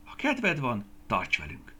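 Guy voicing a chatty peach mama, gushing, friendly, bright lively voice. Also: mid-range voice, slight background noise, pitched above the performer's own voice, full character voice. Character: fat, motherly peach lady, warm and welcoming. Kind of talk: children's storybook reading.

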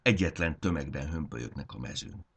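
Man doing proud lizard-bird soldier, deep raspy, solemn. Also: lively intonation, full character voice.

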